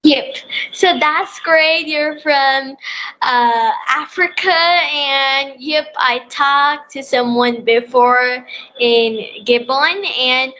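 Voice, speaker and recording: A young speaker from Bangladesh, still in school, eagerly hosting an English conversation practice call. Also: female voice, high voice, fairly even intonation, drawn-out words, bright, forceful tone, highs cut off, slight background noise. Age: child in sixth class. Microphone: online call.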